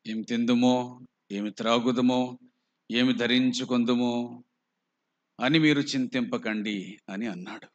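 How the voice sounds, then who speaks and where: A man with a Telugu accent, preaching a slow, emphatic sermon full of rhetorical questions. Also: mid-range voice, steady tone, highs cut off. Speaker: pastor.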